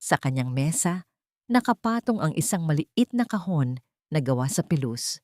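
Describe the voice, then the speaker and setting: A woman with a Filipino accent narrates a scripted dramatic story in a low, darkish voice. The recording is studio quality, with no echo.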